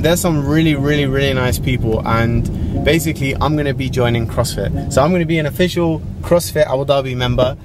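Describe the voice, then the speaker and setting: A man in his twenties chatting casually to camera as a playful vlogger, often repeating words for emphasis, recorded at arm's length. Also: a little high. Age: 20s. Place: car interior, outdoors and small rooms. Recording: clear background noise, car and handheld camera.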